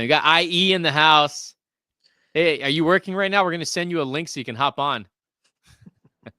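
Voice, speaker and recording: Bright-voiced joking podcast host, a man. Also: on the high side, smooth, no room sound, studio quality. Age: 40s. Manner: joking, reads viewer comments aloud. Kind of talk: casual live-stream chat.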